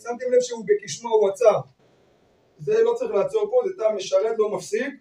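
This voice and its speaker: A man leading an interactive lesson on Torah cantillation, briskly urging participants to read on. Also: high-pitched, very animated, mellow. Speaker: teacher of Torah reading to teachers. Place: classroom or hall with group. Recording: echoey room, far from mic.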